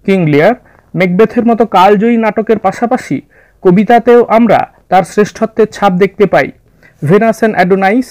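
A man narrating a scripted literature lesson in a measured, orderly way, addressing his students. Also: high-pitched, darkish tone, no room sound. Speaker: literature teacher. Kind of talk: scripted explanatory lecture narration.

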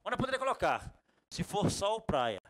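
A man with a Bahian Brazilian accent teaching a computer class in a classroom, lively and jokey, talking straight to his students. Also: sits high, moderate pace, a little hiss or hum. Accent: Bahian Brazilian Portuguese. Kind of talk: classroom lecture.

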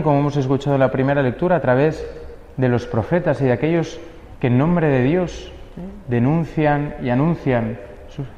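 A man's voice: medium pitch, dark tone, echoey room, big-room sound, highs cut off. A young male priest giving an earnest homily, posing rhetorical questions.

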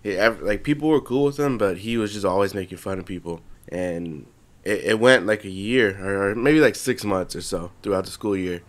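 A congested young man co-hosts a podcast, his lowish voice moving at a moderate pace through casual, rambling chat packed with swearing and restarts.

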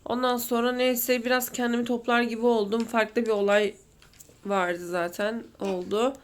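A woman's voice: on the high side, flat delivery, moderate pace. A woman in her thirties talking to camera in an emotional, rambling vlog, close to tears at times. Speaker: vlogger. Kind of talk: confessional vlog chat.

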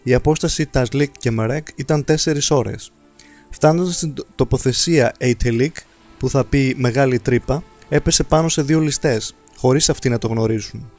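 A man reads religious stories from a book aloud, steady and earnest. His voice sits at an ordinary mid pitch. The reading stays measured and even. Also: soft background music. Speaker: narrator.

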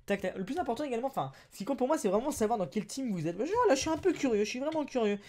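A man with a French accent narrates his card openings in a lively, sing-song voice that swoops up and down. He chats to viewers casually, bursting into excited exclamations over good pulls. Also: extremely high pitch, rapid-fire. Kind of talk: casual unboxing chat.

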